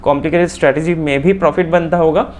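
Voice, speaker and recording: A man from India explaining a trading chart lesson quickly, repeating phrases and checking in with "theek hai" often. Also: on the high side, steady tone, a little mellow, a little hiss or hum. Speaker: stock market trading teacher.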